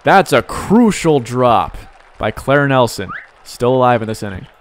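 A young man commenting live on his own video game play, excitable, with sighs and sudden outbursts. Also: medium pitch, unhurried, slight background noise. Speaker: gaming YouTuber.

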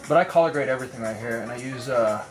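Young guy rattling off stuff fast, far from the mic, loud music behind, echoey. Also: medium pitch. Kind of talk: casual chat.

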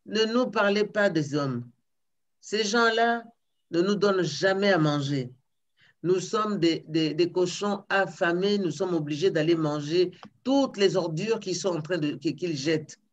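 A woman's voice: on the low side, a little slow, lo-fi sound. A woman storyteller voicing a herd of hungry pigs who complain bitterly about humans. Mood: aggrieved. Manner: aggrieved, complaining.

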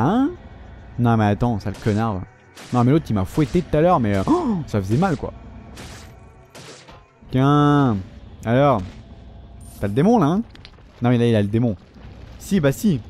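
A young man giving joking, foul-mouthed commentary while playing a video game, often shouting at enemies. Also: mid-range voice. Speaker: gaming video host. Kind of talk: casual let's-play commentary.

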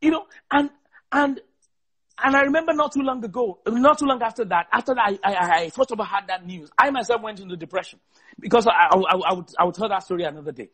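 Man, guest preacher, very high voice, fervent, stutter-repeats for emphasis. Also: a bit bright, slightly rough. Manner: fervent, repeats words in quick bursts; rhetorical questions in a rising voice.

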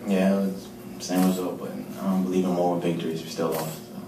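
A man answering questions after a game in a low-key, matter-of-fact way. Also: little pitch movement, a little fast, noisy background. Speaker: football player at a postgame press conference. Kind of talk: postgame press conference answers. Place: large press room. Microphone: table mic, heard from a distance. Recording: roomy, distant press room audio.

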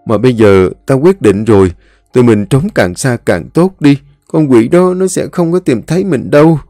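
A man's voice: mid-range voice, normal speed, warm tone, dry recording, clean studio sound, voice pushed up, close to an everyday voice. A man voicing a terrified young man who pleads to flee a curse. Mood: panicked pleading. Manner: pleading, panicky.

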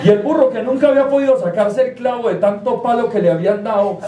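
A man with a Colombian accent telling a comic folk tale live on stage, animated and crude. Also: very high voice, quick pace. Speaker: storyteller comedian. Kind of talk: live comedic storytelling. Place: live stage before an audience. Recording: roomy live room, distant mic, loud crowd.

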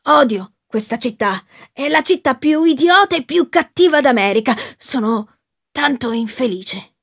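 A woman's voice: high voice, animated, measured pace, slightly rough, exaggerated voice. A woman reading the part of a brooding young man who wants to be an actor, in a sulky, bitter voice. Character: brooding young male would-be actor, resentful. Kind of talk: audiobook reading.

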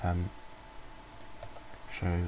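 Speaking very slowly over background noise, a man reviews a piece of software in a casual screen recording. His walkthrough rambles, packed with ums and restarts.

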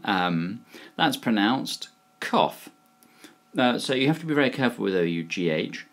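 A man with a British accent giving a casual pronunciation lesson, hesitant and full of fillers, slowly modelling a word. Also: fairly low pitch, lively intonation. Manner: hesitant, many fillers, slow deliberate modelling of words. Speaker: pronunciation teacher.

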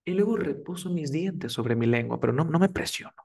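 A man's voice: fairly high pitch, lively intonation, brisk, gravelly, darkish tone, slightly rough, recorded from a distance. A man giving a casual spoken English lesson, repeating words for drills and checking in often. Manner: coaching, repeats words for drills, asks "¿vale?". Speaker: English teacher.

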